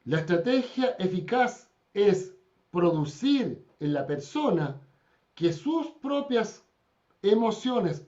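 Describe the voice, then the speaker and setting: Guy teaching a church class, high voice, tells stories and acts out the people, dull lo-fi recording. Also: dark tone. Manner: storytelling, acts out quoted people with raised voice.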